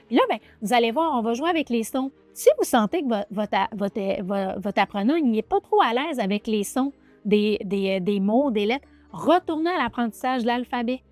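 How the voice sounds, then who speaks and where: A woman's voice: on the high side, dry recording. A woman remedial teacher with a Quebec French accent, explaining a reading exercise to viewers and sounding out syllables, checking in often. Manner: animated, addresses viewer directly with many check-ins; sounds out letters and syllables slowly. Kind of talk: teaching demonstration video.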